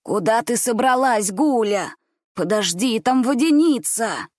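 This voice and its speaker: A woman voicing a scheming old grandmother who talks slowly with false, soothing care. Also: fairly high pitch, lively intonation, darkish tone, no room sound, studio quality. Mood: stern. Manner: slow, soothing, falsely caring.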